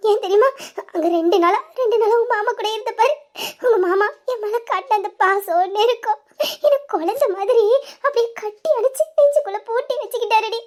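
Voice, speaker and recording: Here a woman plays a lovesick young woman who sobs and begs her younger sister, all in a very high, darkish voice delivered fairly quickly. The mood is tearful and longing, with pleading that dissolves into tearful laughter, as part of a dramatized audio story.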